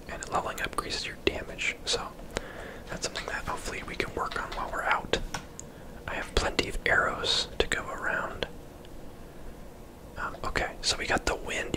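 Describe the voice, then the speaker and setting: At normal speed, a video game streamer and host offers casual whispered commentary ASMR-style, mouth close to the microphone, rambling off into asides; the recording quality is rough.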